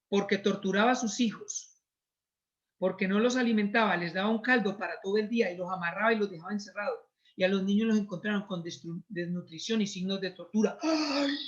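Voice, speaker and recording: A man from Colombia preaching a Sunday sermon, earnest and confessional, moving between soft asides and emphatic appeals. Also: extremely high pitch, highs cut off.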